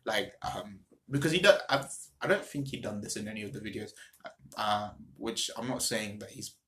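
A man's voice: lowish voice, normal speed, bright, forceful tone. A man hosting a casual podcast chat, rambling with many restarts and blunt, sweary remarks. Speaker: podcast host.

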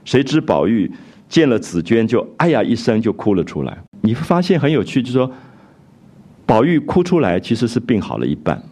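A man's voice: mid-range voice, big pitch swings, moderate pace, warm tone, slightly rough. A man giving a storytelling lecture on a classic novel, retelling its scenes and musing aloud about them.

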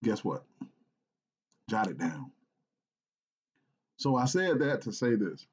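A man from South Carolina telling a personal story in an earnest, halting way, with restarts and repeated phrases. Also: lowish voice, big pitch swings, lo-fi sound. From South Carolina, United States.

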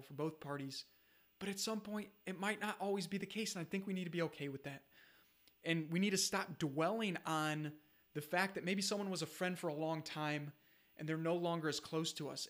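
High-voiced earnest motivational man. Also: fairly bright tone. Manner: earnest, urging, repeats "listen" and "you gotta". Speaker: self-improvement speaker. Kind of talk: motivational talk.

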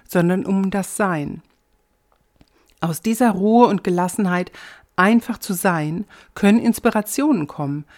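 Woman, lower-pitched voice, measured and gently instructive, scripted spiritual reflection addressed to the listener. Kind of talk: scripted devotional talk with guided reflection.

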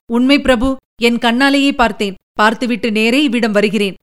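A woman's voice: fairly high pitch, steady tone, moderate pace, natural voice. A woman voicing an earnest male army general in an audiobook, delivering pressing reports. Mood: urgent. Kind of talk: audiobook character reading.

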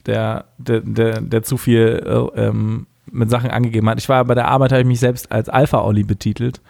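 A man's voice: mid-range voice, level tone, fairly quick, gravelly, darkish tone, no echo. Young german guy, light franconian accent, rolls his r, casual podcast chat, close dry sound. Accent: slight Franconian German. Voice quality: rolled r. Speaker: podcast co-host.

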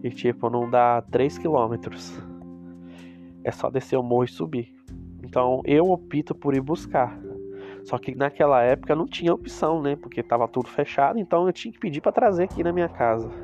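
A Brazilian cosmetics reseller vlogger, speaking with a Brazilian Portuguese accent, talks casually to viewers in a loose, rambling way full of asides, his nose stuffed up from a cold. His mid-range, darkish voice moves fairly quickly over guitar music in the background.

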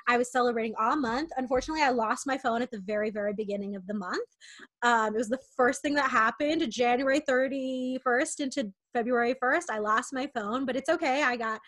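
A woman's voice: a little high, a little fast, fairly bright tone. A woman in her twenties chatting candidly and rambling, with lots of fillers and restarts. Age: 20s. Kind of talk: casual chat.

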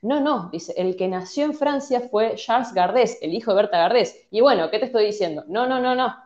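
A woman with an Argentine Spanish accent, telling stories in a casual chat and putting on mock voices. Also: fairly quick. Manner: animated storytelling with squeaky mock voices. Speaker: podcast co-host. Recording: dull lo-fi audio.

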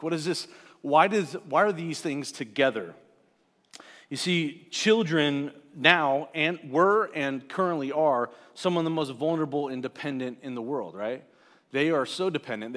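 A man's voice: mid-range voice, a bit bright. A man in his forties preaching a sermon as pastor. He talks in a plain, conversational way with asides to the congregation. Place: church sanctuary. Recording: church hall with long reverb.

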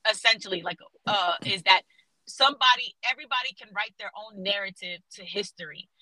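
A woman's voice: medium pitch, fairly quick, sharp tone, low-quality recording. A young woman from South Florida, a muralist guest talking animatedly with lots of fillers and restarts. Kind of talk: casual interview conversation.

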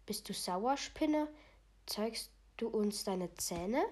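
A woman's voice: mid-range voice, steady tone, slow, a little mellow, lightly acted. A woman voicing a mocking teenage boy bully who taunts in a sneering way. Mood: taunting.

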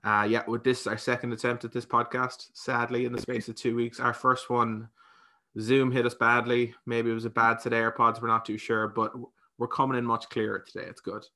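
Irish man, bright and gravelly podcast host. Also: medium pitch, little pitch movement, brisk. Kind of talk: casual conversational interviewing.

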